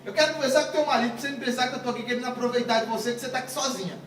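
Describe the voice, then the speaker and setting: A man's voice: extremely high pitch, fairly even intonation, very fast, fairly bright tone. A man voicing a casual, blunt young man from Galilee in a joking sermon retelling, heard from a distant mic in a very echoey room. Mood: brisk.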